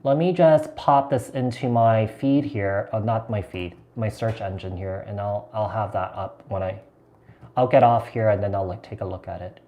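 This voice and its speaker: A man's voice: lowish voice, moderate pace, dark tone. A man from the United States giving a live tarot reading, talking in a chatty, meandering way with lots of fillers and repeated words. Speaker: tarot reader.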